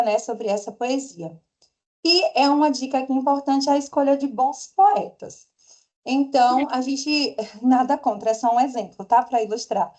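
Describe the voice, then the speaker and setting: Gentle Brazilian woman explaining lessons. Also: fairly high pitch. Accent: Brazilian Portuguese. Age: adult parent. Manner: conversational, gentle explaining with frequent tag questions. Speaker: homeschool teacher. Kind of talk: conference talk.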